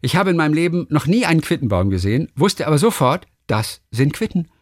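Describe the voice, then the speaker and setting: A man hosts a relaxed podcast and reads listener mail aloud, stumbling and restarting as he goes. His voice swings widely up and down as he tells the stories. The recording is close and dry, with no room sound. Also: a little high, quick pace, no echo. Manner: lively, animated storytelling with many restarts. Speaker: podcast host. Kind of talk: reading listener mail in casual chat.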